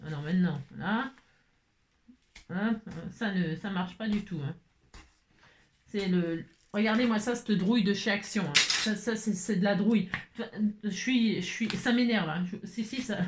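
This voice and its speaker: A woman hosting a casual crafting tutorial, chatty and exasperated, constantly adding "hein". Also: mid-range voice. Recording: echoey room, faint noise.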